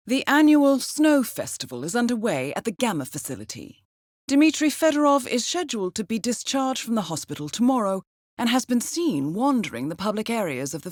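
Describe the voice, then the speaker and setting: An actress voices a cool, composed intelligence handler in a video game, briefing an assassin in a measured, dryly ironic tone. Her voice sits in the mid-range, and the recording is studio quality with no echo.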